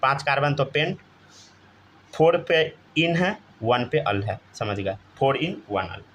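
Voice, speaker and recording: A man's voice: medium pitch, expressive, a little slow, a bit bright, slight background noise. A man teaching a chemistry class, constantly prompting students to answer and checking they follow. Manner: keeps asking students to answer, often says "theek hai". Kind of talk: live classroom lesson.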